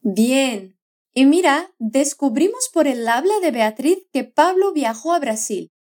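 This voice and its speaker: A woman teaching a language lesson, modelling words slowly and clearly with encouraging prompts to repeat. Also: sits high, expressive, a little mellow. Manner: slow, carefully modelled repetitions with encouraging prompts. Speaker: Spanish pronunciation teacher. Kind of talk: scripted language lesson narration.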